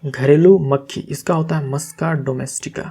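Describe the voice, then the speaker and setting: A man's voice: fairly high pitch, steady tone, moderate pace, warm tone, breathy edge. A man teaching as an exam-prep tutor, walking step by step through quiz answers, asking questions and answering them himself. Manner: corrects himself aloud.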